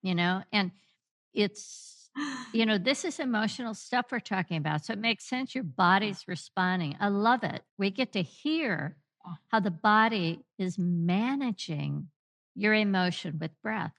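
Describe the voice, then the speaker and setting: Slow, soft-spoken woman host. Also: medium pitch, animated. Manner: slow, gentle and searching, with long pauses. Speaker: podcast host. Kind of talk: reflective conversational interview.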